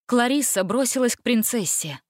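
A woman narrating a fairy-tale audiobook in an expressive, steady reading style. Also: on the high side, normal speed, dry recording, clean studio sound. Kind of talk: storybook narration.

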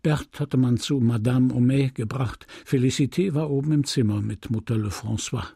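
A man reading a classic novel aloud in a measured, grave narration. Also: medium pitch, gravelly, mellow, breathy edge, dry recording, studio quality. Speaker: audiobook reader. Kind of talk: scripted literary narration.

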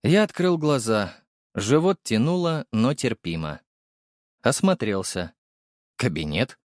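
A man narrating an audiobook in the first person, with expressive delivery. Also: medium pitch, slow, no echo, studio quality.

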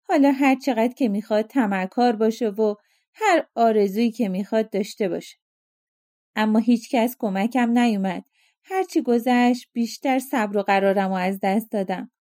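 A woman's voice: a little high, dark tone, natural voice. A woman voicing a vengeful ancient genie. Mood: bitter, menacing. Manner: menacing, bitter, boastful. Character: vengeful ancient male genie freed from a bottle.

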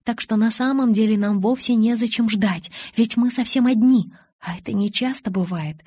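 A woman reading an audiobook, voicing an impatient, exasperated young woman in love, pleading and animated. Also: fairly high pitch, normal speed, slightly rough, no room sound, pitched above the performer's own voice.

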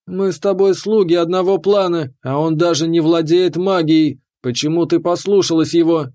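A man doing a shrill, desperate fairy princess. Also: fairly even intonation, moderate pace, darkish tone, no room sound, studio quality, lightly acted. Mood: defiant. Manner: shrill, tearful outbursts. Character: desperate fiery fairy princess, young female. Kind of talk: audiobook character voice.

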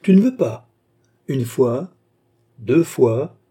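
A man's voice: medium pitch, animated, unhurried, warm tone, breathy edge. A man reading aloud, voicing a burly, mad male cemetery keeper who talks in a sneering, mocking and menacing way. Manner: sneering, jovial then curt.

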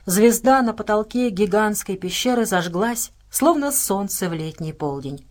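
Woman audiobook narrator, measured, dramatic stresses, mid pitch. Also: expressive, a little mellow. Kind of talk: scripted narration.

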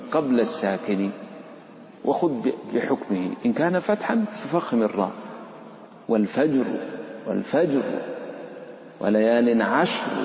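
Man teaching recitation rules in a live class, chanting verse examples and quizzing students; echoey hall, dull low-fi sound. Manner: explains rules, then chants the Quranic examples; lively, questions and teases the students. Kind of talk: live tajweed lesson.

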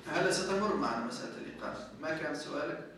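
A man's voice: on the high side, lively intonation, rapid-fire, crowd noise. A man teaching a jurisprudence lesson, explaining step by step and often asking his students whether they follow. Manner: explains step by step, checks understanding with "clear?". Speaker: sheikh teaching Maliki jurisprudence. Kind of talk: classroom lesson with questions. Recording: echoey room, mic at a distance.

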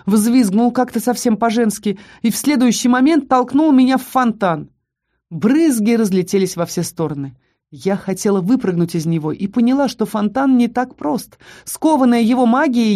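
Her voice sits a little high and sounds warm as she performs a first-person fantasy novel for an audiobook, telling it with dramatic storytelling.

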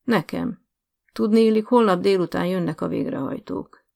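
A woman's voice: mid-range voice, gravelly, mellow. A woman reading an audiobook, voicing a rude male official who talks in a curt, mocking, condescending way. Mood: contemptuous.

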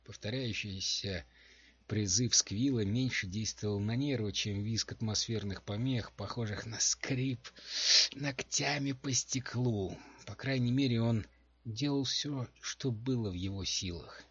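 A man narrating an audiobook in a steady, even manner, recorded at home. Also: fairly low pitch, unhurried, husky, dry recording, highs cut off. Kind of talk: scripted narration. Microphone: home microphone.

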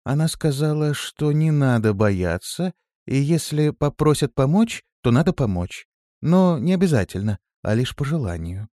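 A man's voice: mid-range voice, very animated, moderate pace, mellow, no room sound, clean studio sound, pitched above the performer's own voice, close to an everyday voice. A man reading an audiobook, voicing a timid young female demoness who speaks in a trembling, pleading, fearful voice. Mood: calm. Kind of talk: audiobook character voice.

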